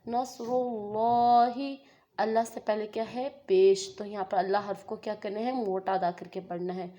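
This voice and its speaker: A woman teaches Quran recitation step by step. She chants phrases slowly and stretches them out, then explains each rule by asking and answering her own questions. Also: mid-range voice, steady tone, dark tone, dull audio. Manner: slow, drawn-out recitation between patient explanations. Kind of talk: step-by-step tajweed lesson.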